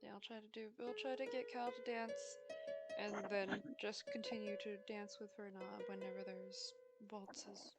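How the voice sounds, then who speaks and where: A woman's voice: mid-range voice, level tone, loud music behind the voice. A woman playing in a tabletop game, chatting casually and giggling often. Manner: giggly, slow and drawn out. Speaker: player.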